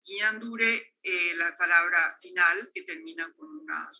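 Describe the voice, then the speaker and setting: A man's voice: high-pitched, big pitch swings, measured pace, creaky, bright, forceful tone, lo-fi sound. A man with a Paraguayan Spanish accent giving an academic lecture on linguistics, hesitant, with many fillers and restarts.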